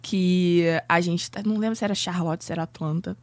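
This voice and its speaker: A young Brazilian woman telling travel stories in a casual chat, animated and acting out the people in them. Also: on the low side, a little fast, no echo. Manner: animated storyteller, acts out her father's voice.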